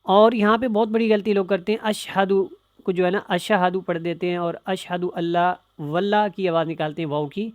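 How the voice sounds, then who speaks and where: A man teaching Quranic pronunciation in a quick, matter-of-fact lesson voice. His tone is smooth and resonant. It sounds tight and dry, with no room echo. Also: high voice, steady tone, highs cut off. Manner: brisk explaining voice, breaking into slow chanted recitation.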